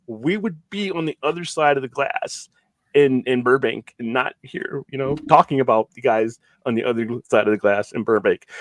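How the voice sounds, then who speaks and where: A man co-hosting a podcast in casual chat, animated and emphatic, often repeating words as he talks. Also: mid-range voice, no echo, rough recording. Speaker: podcast co-host.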